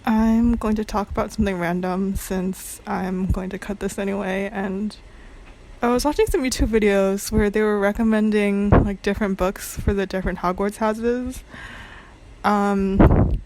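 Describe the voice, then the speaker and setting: Young adult woman, amateur vlogger, slow pace, mid-range pitch, hesitant, meandering, filler-heavy, casual unscripted monologue. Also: steady tone, a little mellow, slight background noise, poor audio. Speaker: amateur video blogger. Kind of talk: casual rambling monologue to camera.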